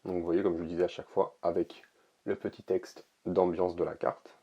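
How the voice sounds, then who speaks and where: A man casually showing an oracle card deck, talking in a relaxed, hesitant way with many pauses and fillers. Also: sits low, slightly rough, highs cut off. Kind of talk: casual product presentation to camera.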